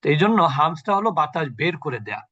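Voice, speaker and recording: A man with a high, bright voice teaches Quran recitation in an online class. He goes step by step and puts questions to his students before answering them himself. The audio is dull and lo-fi, like a video call. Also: very animated, quick pace.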